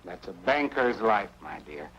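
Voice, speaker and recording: A man's voice: sits low, sing-song, measured pace, fairly bright tone, slight background noise, full character voice, rough recording. An actor playing a weary, resigned small-town banker with a fatherly manner.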